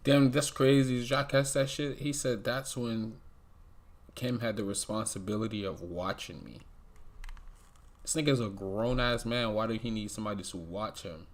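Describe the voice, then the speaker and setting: A man streaming and reacting to a clip in profane, incredulous commentary, laughing loudly. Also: fairly low pitch, normal speed.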